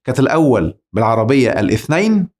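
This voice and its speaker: A man's voice: mid-range voice, sing-song, fast, a little mellow. Emphatic Egyptian man lecturing. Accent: Egyptian Arabic. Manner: emphatic, rhetorical, addresses the listener directly. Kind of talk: religious lecture.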